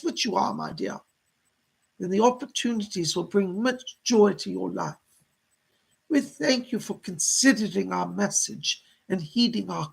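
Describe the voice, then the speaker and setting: A man as a seance medium voicing a gentle, motherly female spirit guide, speaking in genteel, solemn endearments with a husky, creaky voice. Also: high-pitched, full character voice, low-quality recording. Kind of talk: seance medium trance channeling, addressing sitters with spirit messages.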